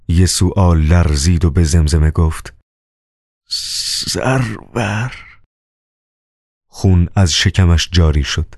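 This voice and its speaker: Deep-voiced man reading a novel solemnly. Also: dark tone, dry recording, studio quality. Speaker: audiobook narrator. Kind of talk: scripted novel narration.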